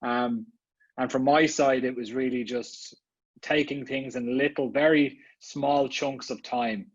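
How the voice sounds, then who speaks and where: An Irish marketing executive, appearing as a guest, gives a casual online summit talk over a muffled, dry video-call line. His medium-pitched voice is steady, a little slow, with a breathy edge, and he's chatty, full of fillers and restarts.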